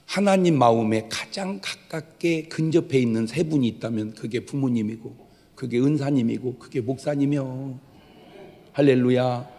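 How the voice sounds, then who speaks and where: Joking pastor in an echoing church. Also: male voice, mid-range voice, moderate pace. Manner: lively, joking preacher who acts out quoted voices. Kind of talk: sermon. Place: church sanctuary.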